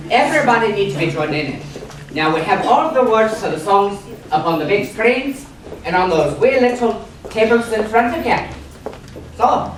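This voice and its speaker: A man hosting a pub cabaret with lively stage banter, slipping into jokey Irish pub patter. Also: sits high, distant mic. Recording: echoey room recorded from afar, background noise.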